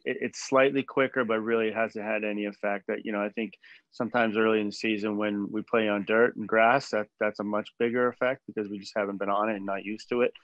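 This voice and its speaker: A man in his forties, a head baseball coach, answering press questions after a game in a measured way with many fillers and restarts, over a video call from a small room. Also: fairly low pitch, fairly bright tone, dry recording. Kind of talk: postgame press conference. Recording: dull dry video call audio.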